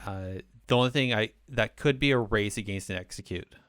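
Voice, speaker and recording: A man's voice: lowish voice, a little fast, fairly bright tone, smooth, no room sound, studio quality. A man hosting a casual gaming roundtable, easygoing and full of fillers as he steers the talk. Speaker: podcast host.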